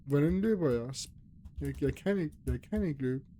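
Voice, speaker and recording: A man's voice: a little high, expressive, warm tone, slight background noise. Jittery young man playing a scary game. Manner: jittery, nervous, talks to himself and viewers. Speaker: gaming youtuber. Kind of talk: scared horror gameplay commentary.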